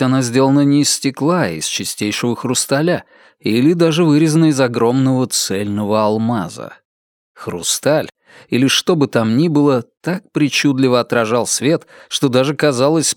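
A male audiobook narrator reads with calm, even pacing in a mid-pitched voice. The recording is dry and close, with no room around it. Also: dry recording. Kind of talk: scripted narration.

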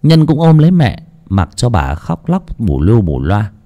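A man's voice: lowish voice, a little slow, lo-fi sound. A man narrating a horror audiobook dramatically. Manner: dramatic, expressive. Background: faint music.

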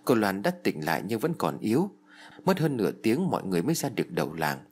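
A man's voice: on the low side, very animated, fast talker, darkish tone, breathy edge. A man reading a first-person novel aloud as an audiobook narrator, telling it expressively. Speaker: audiobook reader.

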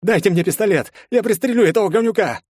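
A man voicing an arrogant, hot-tempered young brawler who shouts threats. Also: high-pitched, very animated, fast, no room sound, clean studio sound, voice pushed up. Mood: furious.

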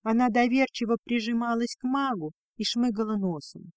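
A man reading a fantasy novel aloud as an audiobook narrator, in a steady storytelling manner. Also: very high voice, moderate pace, no room sound, studio quality.

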